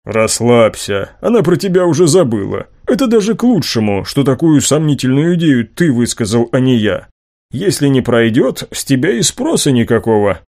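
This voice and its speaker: A man's voice: medium pitch, big pitch swings, normal speed, darkish tone. A man doing a grumbling cautious businessman. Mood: reassuring. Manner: grumbling, dry.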